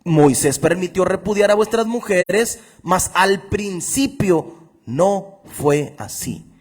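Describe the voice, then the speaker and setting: A middle-aged man preaching a sermon with emphasis, slowing down to read scripture aloud. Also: high voice, expressive.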